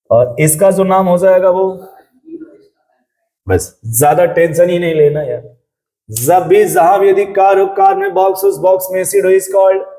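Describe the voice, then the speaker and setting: A man's voice: sits high, warm tone, roomy sound, rough recording. A male chemistry teacher giving a classroom lecture, chatty, quizzing the class and telling jokey stories. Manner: chatty, asks the class questions, tells jokey anecdotes.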